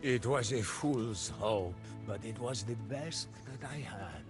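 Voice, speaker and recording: An actor voices a solemn storyteller recounting a medieval warlord's tale in dramatic game cutscene narration, with music behind him. His male, mid-range voice is animated yet slow, carrying a weary but hopeful mood.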